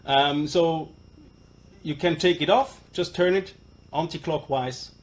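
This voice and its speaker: Halting man with a broad Swiss German accent. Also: a little high. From Switzerland. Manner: halting and hesitant, apologetic non-native English speaker. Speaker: presenter of a product demonstration. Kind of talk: informal live product presentation. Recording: live stream with clear background noise.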